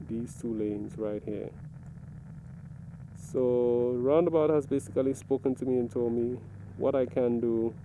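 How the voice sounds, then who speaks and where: A man giving a casual, step-by-step video commentary, explaining things deliberately and pausing mid-sentence. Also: mid-range voice, vocal fry, warm tone, slight background noise, rough recording. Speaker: motovlogger reviewing own ride footage.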